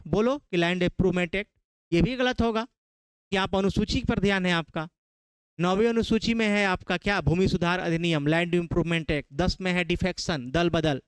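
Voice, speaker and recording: This Bihari-accented Hindi speaker teaches a class, firing questions at students and going over key terms again and again. His voice sits high with a clear, resonant tone, recorded with no room sound.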